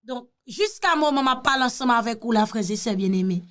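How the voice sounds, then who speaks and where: A woman's voice: a little high, animated, fairly quick. A woman with a Haitian accent giving casual, teasing commentary, mixing Creole with French. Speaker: commentator reacting to a political speech.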